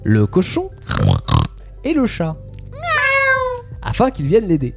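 A man's voice: sits high, huge pitch swings, slow pace, over music. A man casually telling a fairy tale to friends, playful, with fillers and asides. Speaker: storyteller.

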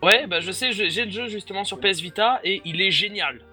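High, bright-voiced young man. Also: fairly quick, husky, soft background music. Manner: enthusiastic, joking, rambling with fillers. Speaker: podcast co-host presenting game news. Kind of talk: casual gaming podcast chat.

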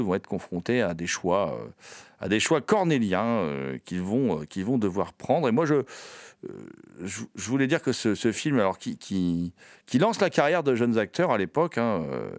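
A man hosting a film show, talking with a lot of hesitations, fillers and restarts. His voice sits a little low but swings widely in pitch. The sound is dry and close. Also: no room sound. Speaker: film program host. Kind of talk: unscripted film review.

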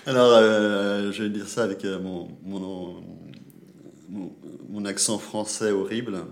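A man giving a film recommendation in casual talk, halting and searching for words with many fillers. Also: on the low side, fairly even intonation, a little hiss or hum.

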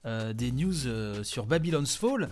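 A man's voice: mid-range voice, animated, measured pace, darkish tone. A man hosting a gaming news podcast, talking casually with many small fillers. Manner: chatty, many "hein" and "euh" fillers.

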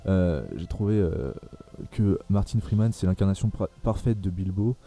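Hesitant low-voiced man with dark tone. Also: normal speed. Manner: hesitant, many fillers and restarts. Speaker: podcast host. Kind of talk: casual film discussion.

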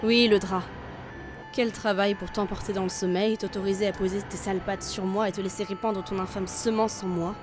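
A cruel seductress, played by a woman, sardonic and coldly mocking, speaking in a mid-range voice. She sounds calm and in control, every line laced with contempt. Audio drama. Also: mid-range voice, brisk, music in the background, lightly acted. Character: cruel, mocking seductress who wants her lover dead.

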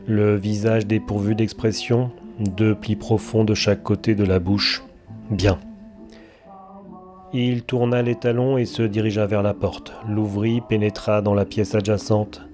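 A male narrator gives a dramatic audiobook reading of a dark story, slow and deliberate with long pauses. His voice is low and mellow, and faint music plays behind him. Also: little pitch movement. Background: faint background music.

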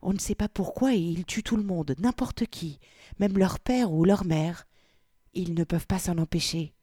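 A woman's voice: lowish voice, moderate pace, dry recording, studio quality, close to an everyday voice. A woman reading aloud and voicing a shy, reserved young married woman who speaks hesitantly. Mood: hushed. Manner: hesitant, soft-spoken.

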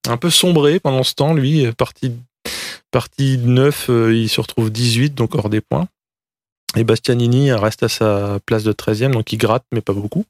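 Guy doing motorsport commentary race recap, slangy and jokey, bit of gravel, no room echo. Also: medium pitch. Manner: colloquial, joking, slangy.

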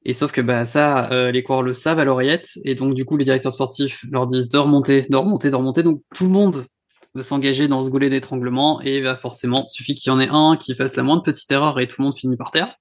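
A man's voice: mid-range voice, fairly even intonation, fast. A male co-host giving long, opinionated analysis on a casual cycling show. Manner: opinionated, explains at length. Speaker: co-host pundit.

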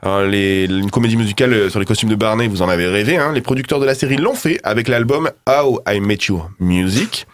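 A man hosting a radio show, joking and laughing through casual banter. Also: on the low side. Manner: fast, joking, laughing often. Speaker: radio host.

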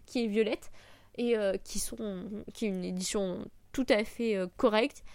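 A woman hosting an informal book podcast, sick, with a slightly broken, gravelly voice and a hesitant, self-deprecating way of talking. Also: medium pitch, steady tone, unhurried, a little mellow, dry recording. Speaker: podcast host. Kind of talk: informal book review podcast, unscripted talk.

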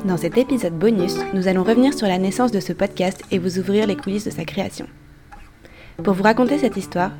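A woman who produces and hosts the podcast, telling the story of its making in a clear, steady scripted narration. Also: medium pitch. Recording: guitar music playing under the voice.

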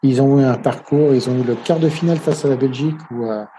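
A man's voice: medium pitch, fast, mellow, slight background noise. A man giving casual football match commentary and tactical analysis, talking hesitantly with many filler sounds.

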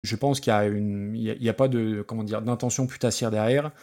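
A man's voice: fairly low pitch, steady tone, fast talker, a little mellow. A man co-hosting a podcast, casually reviewing a song cover, rambling and hesitant with blunt slangy judgments. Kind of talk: casual chat.

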